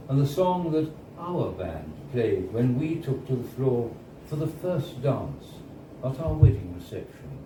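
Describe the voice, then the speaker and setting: A man reads a short story live indoors at a bar, his voice ordinary and mid-pitched, his delivery measured and wistful with purposeful pauses. Clear background noise and room ambience fill the distant, roomy recording.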